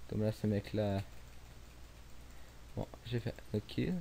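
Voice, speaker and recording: Lowish, flat, slow, and mellow with vocal fry, a young man from Quebec comments casually on his own gameplay in a Québécois French accent. He rambles with many fillers and restarts, sometimes sinking to a near mumble, over faint hiss.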